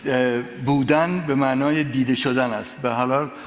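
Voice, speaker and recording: A man's voice: mid-range voice, fairly even intonation. A man moderating an event in an informal, conversational way. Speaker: session moderator. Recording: echoey hall with faint noise.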